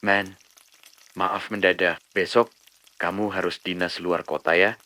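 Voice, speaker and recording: A man voicing a firm, insistent boss calling an employee in an animated drama. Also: deep voice, unhurried, no echo. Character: firm middle-aged male boss on the phone.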